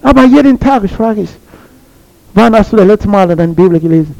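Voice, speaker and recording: A man's voice: high-pitched, expressive, fairly quick, gravelly, dark tone, lo-fi sound. A man preaching a sermon to a congregation, repeating his phrases and putting questions to his listeners.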